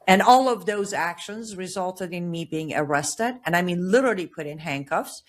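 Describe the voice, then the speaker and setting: Female guest from Iran, slightly low voice, measured and earnest. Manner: measured, earnest personal account. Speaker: guest author. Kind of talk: interview answers.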